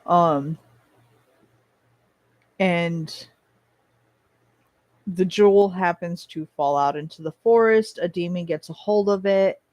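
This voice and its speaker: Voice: mid-range voice, slow, long pauses, a little mellow, dry recording. A person chatting casually and bluntly to viewers in an opinionated, rambling way, swearing at times and chewing while talking. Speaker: vlogger.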